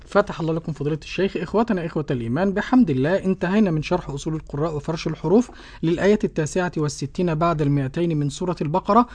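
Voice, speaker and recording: Rapid-talking formal male presenter. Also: fairly high pitch, darkish tone. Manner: brisk formal phrasing, respectful. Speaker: program presenter and student.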